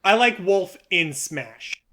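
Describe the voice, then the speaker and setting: A man's voice: sits high, animated, slow, a crowd in the background. A man co-hosting a podcast, chatting loosely and jokingly about video game characters, often trailing off. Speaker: podcast co-host.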